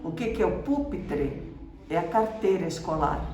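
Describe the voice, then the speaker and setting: A woman's voice: lowish voice, animated, moderate pace, dark tone. A Brazilian woman teaching a school lesson, explaining each word patiently and checking in with the class after every point. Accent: Brazilian Portuguese. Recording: roomy echo, voice from a distance, faint background noise.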